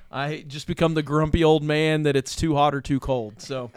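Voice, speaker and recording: A middle-aged man with a smooth, clear voice pitched a little high hosts a relaxed talk. He speaks as a pastor, loose and rambling, with a joking warmth of tone and plenty of fillers. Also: normal speed. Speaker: pastor and podcast host. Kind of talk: casual chat.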